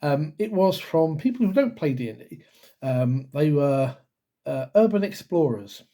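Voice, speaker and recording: Dark-voiced man with a lingering cough. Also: fairly high pitch, expressive, a little slow. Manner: rambling with many ums and self-corrections. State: recovering from a cough, slightly croaky. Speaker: YouTube D&D channel host. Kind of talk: casual vlog talk to camera.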